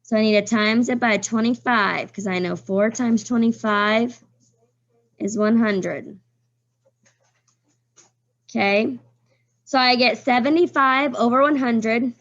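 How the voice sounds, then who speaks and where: A slightly high-voiced woman teaches math in a classroom, explaining each step and calling on pupils by name. Her voice is wearing a little hoarse. The recording is dull and lo-fi. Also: a bit bright. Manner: walks students through steps, calls on pupils by name. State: voice getting hoarse.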